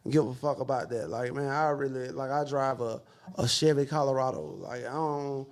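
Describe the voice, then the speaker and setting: A man's voice: mid-range voice, steady tone, moderate pace. A man, chatting casually and laid-back with plenty of slang and swearing. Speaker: podcast panelist. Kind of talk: casual chat.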